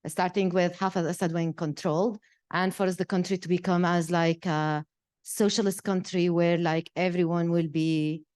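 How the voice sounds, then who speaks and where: A woman from Syria, speaking at a panel talk, halting with many fillers. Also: fairly low pitch, steady tone, a little mellow, clear, resonant tone. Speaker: project participant. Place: gallery event room.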